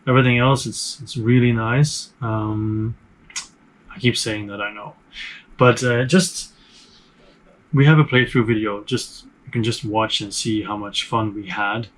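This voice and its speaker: A man's voice: fairly low pitch, steady tone, measured pace, low-quality recording. A man hosting a board game review channel, talking casually to camera in a room full of game shelves, chatty and rambling, with many fillers and restarts.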